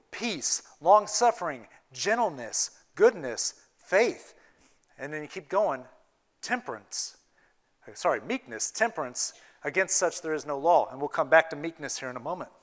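A man giving a sermon as a youth pastor in a church, earnest and preaching, moving between hushed and emphatic delivery. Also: a little high, expressive, measured pace. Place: church sanctuary.

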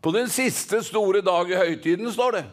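A man from Norway preaching a fervent Pentecostal sermon, rhythmic and calling for responses from the congregation. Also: high voice.

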